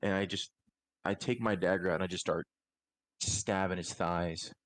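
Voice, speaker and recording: A man's voice: low voice, steady tone, moderate pace, no echo, rough recording. A man playing in a tabletop game who tells his character's actions in a rambling way, full of "like" and restarts. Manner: rambling, many likes and restarts. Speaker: player.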